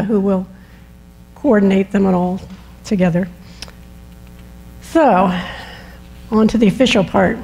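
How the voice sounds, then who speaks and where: A woman's voice: mid-range voice, warm tone, low-quality recording. A woman welcoming a chapel congregation and giving announcements in a friendly, chatty way, with light laughs and fillers. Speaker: lay leader giving announcements. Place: chapel sanctuary.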